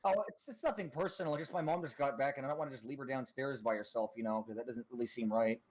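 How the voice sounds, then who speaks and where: A guest on a stream talks over voice chat, rambling and hesitant, sounding self-conscious as he discusses doing voice impressions. He speaks fast at medium pitch with a slightly mellow tone. The recording is rough.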